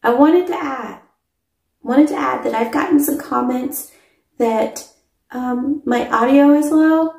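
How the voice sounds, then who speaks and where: A middle-aged woman talks slowly through a casual product review vlog. Her voice sits fairly high with a soft, mellow tone. She sounds eager and emphatic and repeats words for stress, captured on a phone camera in a small, echoey room. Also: vocal fry. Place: small indoor room with pale walls. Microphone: phone camera mic at close range.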